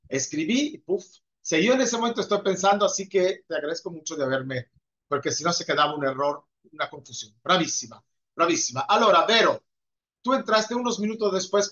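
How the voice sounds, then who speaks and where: High-voiced man teaching online. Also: fairly bright tone. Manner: patient, encouraging, repeats praise. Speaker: Italian teacher. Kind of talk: online class Q&A. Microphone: video call. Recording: muffled video call audio.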